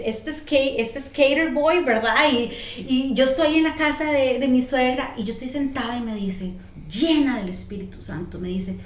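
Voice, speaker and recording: A woman, a podcast guest, telling her life story casually in an animated, lively way. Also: a little hiss or hum. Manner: animated, lively storyteller who jumps in pitch when quoting herself. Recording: echoey room.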